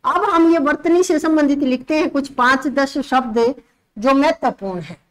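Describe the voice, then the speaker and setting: A woman teaching a grammar lesson for exam prep, with a slight tinge, explaining slowly and repeating key words for her students. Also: high-pitched, poor audio.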